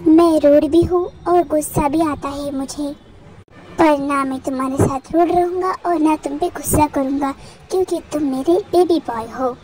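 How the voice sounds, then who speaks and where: A woman's voice: sits high, steady tone, normal speed, natural voice, low-quality recording. A woman voicing a rude, possessive male college professor who scolds and then dotes. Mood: doting. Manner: teasing and bossy, softening into doting. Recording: music playing under the voice.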